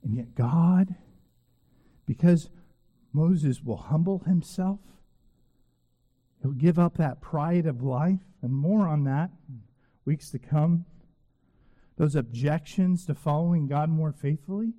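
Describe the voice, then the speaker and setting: A man preaching a sermon in a church sanctuary, earnest and emphatic, slowing down to repeat phrases with weight. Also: fairly high pitch, mellow. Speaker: pastor. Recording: long reverb of a church hall.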